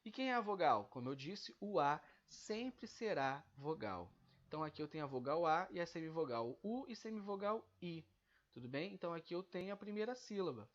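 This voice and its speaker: A man's voice: fairly high pitch, sing-song, brisk, lo-fi sound. A male teacher giving a grammar lesson, explaining step by step and drawing out the example words he is breaking down.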